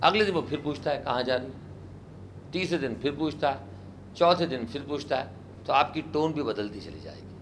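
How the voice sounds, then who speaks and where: Animated male English teacher, room noise. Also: on the high side, a little fast. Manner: animated, asks the class questions and has them repeat words. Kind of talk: classroom lesson in spoken English.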